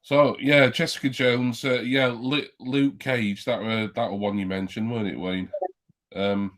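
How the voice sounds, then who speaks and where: A man's voice: medium pitch, flat delivery, measured pace, a bit bright. A man in casual chat on a livestream call, meandering and thinking aloud as he talks.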